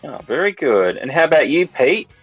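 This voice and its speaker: A man's voice: on the high side, very animated, normal speed, no room sound. Man, informal podcast host, casual chat, dry slightly muffled recording, music behind. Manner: informal, says mate.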